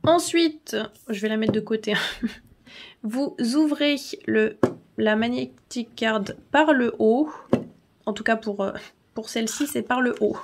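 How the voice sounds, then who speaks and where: A woman hosting a casual tutorial vlog, chatty, laughing often and filling pauses with "euh". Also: a little high. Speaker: channel host.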